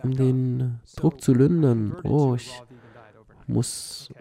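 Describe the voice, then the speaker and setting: Earnest male storyteller, gravelly and very dark, personal testimony. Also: mid-range voice, fairly even intonation, extremely slow. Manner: earnest, frequent filler "ja". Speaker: cancer survivor sharing his story.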